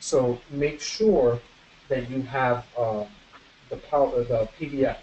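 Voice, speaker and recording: A man teaching an English vocabulary class online, switching between Spanish and English and repeating word pairs slowly for practice. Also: medium pitch, dark tone, dull audio, a little hiss or hum.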